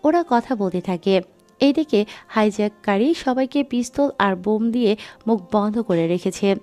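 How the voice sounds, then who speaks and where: A woman narrating an audio drama in a steady storytelling manner. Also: mid-range voice, moderate pace, faint music behind.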